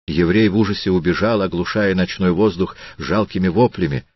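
Deep, husky male audiobook narrator. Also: fairly quick, no room sound, dull audio.

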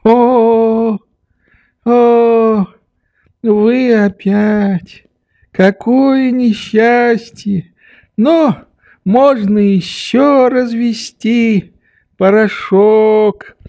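A man voicing a methodical, prim old male doctor who speaks slowly and reprovingly in an audiobook. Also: very high-pitched, steady tone, dry recording, dull audio, voice pushed up, heavily acted. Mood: dismayed. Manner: slow, measured, gently reproving. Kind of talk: audiobook character reading.

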